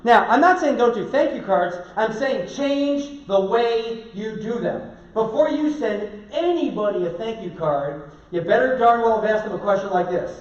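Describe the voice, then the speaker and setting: Energetic male seminar speaker, high voice, heard from afar in an echoey hall. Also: moderate pace. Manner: energetic, chatty, asks audience questions. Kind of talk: live seminar talk. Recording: distant mic, echoey hall, dull lo-fi sound.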